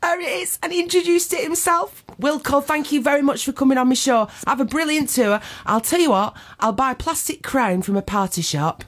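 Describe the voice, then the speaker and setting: A woman's voice: high-pitched, lively intonation, fairly quick, hardly any pauses. A woman hosting a casual radio interview in a studio, chatty, enthusiastic and teasing. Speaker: radio host.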